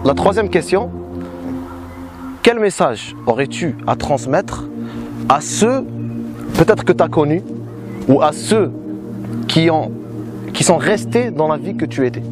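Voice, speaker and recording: A male interviewer asks formal questions in a fairly high voice, now and then stumbling as he reshapes a sentence. Music runs clearly in the background. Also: animated, unhurried, pauses often. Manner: formal, groping for words mid-question.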